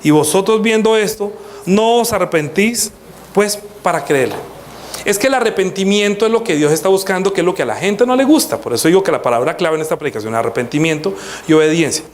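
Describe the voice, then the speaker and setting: A man preaching a sermon as pastor, lively, acting out quotes and asking the congregation questions. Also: high voice, quick pace.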